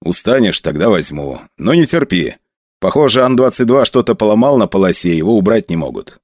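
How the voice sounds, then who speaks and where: A man voicing a calm older male flight instructor who gives steady, unhurried guidance. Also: fairly low pitch, no echo, clean studio sound.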